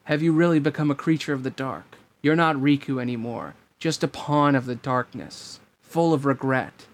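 A man's voice: medium pitch, moderate pace, lightly acted. Man voicing a teenage boy hero, stern, determined, storybook reading. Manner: stern, confronting.

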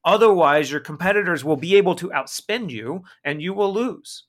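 A podcast guest who works as a marketing expert, he has a high voice and keeps a moderate pace. His talk is emphatic and energetic, and "right?" turns up often as a tag at the end of his points.

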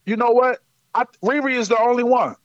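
A man from Ohio telling stories in an animated way on a phone interview, full of slang and "you know what I'm saying.". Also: very high voice, fairly quick, muffled recording. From Akron, Ohio. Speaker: guest musician. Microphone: phone line.

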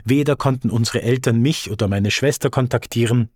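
Brief: man from Iran narrating a memoir audiobook, mid-pitched, dry booth sound, wry asides to the listener. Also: brisk, a little mellow, no room sound. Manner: talks straight to the listener, wry quiz-show asides.

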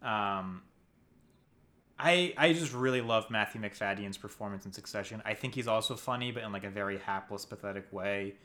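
A man hosting a casual chat about TV awards, earnest and quick to laugh, with hesitant fillers. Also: fairly low pitch, bright, forceful tone. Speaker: podcast host.

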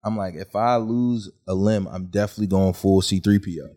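A young man with a fairly low voice hosts a podcast with friends. He jokes freely and swears through casual, loose banter. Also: steady tone, brisk, dark tone. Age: 20s. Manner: profane, joking banter. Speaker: podcast host. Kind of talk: casual chat.

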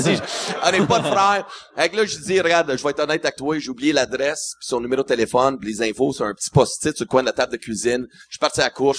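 A man's voice: a little high, a bit bright, slight background noise. A man with a Québécois accent, a guest comedian telling a story on a podcast, slipping into English for quotes. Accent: Québécois French.

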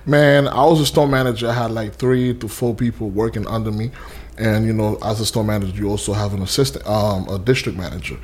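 A young man from Haiti tells his story in a relaxed interview. His voice sits fairly low, and he rambles with plenty of fillers and restarts. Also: fairly quick, breathy edge. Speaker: interview guest, custom suit maker. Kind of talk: casual interview.

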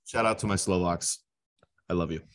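Man, very low voice, casual sports podcast chat, emphatic, repeats himself mid-point. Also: moderate pace, fairly bright tone. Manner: emphatic, repeats words while building a point. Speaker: podcast co-host.

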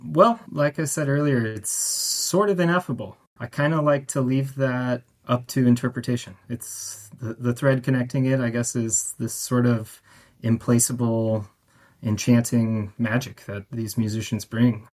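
A man talks as a guest on a radio interview about the festival he curates. He speaks thoughtfully, pausing with fillers at an ordinary pitch. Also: steady tone, a little mellow. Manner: thoughtful, hesitant, many fillers.

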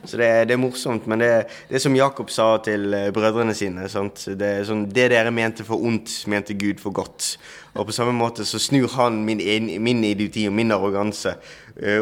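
Animated man telling his story. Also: on the low side. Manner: animated storyteller, many fillers and restarts. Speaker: guest. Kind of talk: testimony in a talk-show interview.

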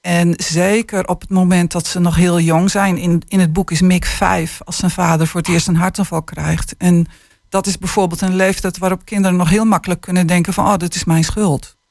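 A woman author, a guest on a radio show, speaking in a measured, somewhat hesitant way and reading from her book. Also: lowish voice, little pitch movement, darkish tone, no echo, clean studio sound. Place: radio studio. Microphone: studio microphone.

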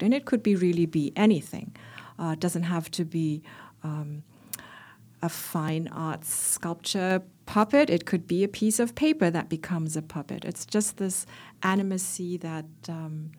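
A woman's voice: fairly low pitch, darkish tone. A woman guest answering interview questions, hesitant, with many fillers. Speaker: guest, puppetry instructor.

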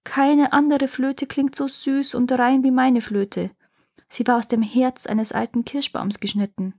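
A woman's voice: high-pitched, expressive, fairly quick, a little mellow, voice pushed up. A woman voicing an eager young shepherd boy. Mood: pleading.

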